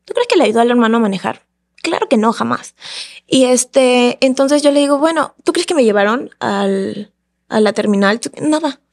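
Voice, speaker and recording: A woman with a fairly high voice tells a story as a podcast guest. She talks in a casual, animated way and acts out what the other people in her story said. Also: moderate pace.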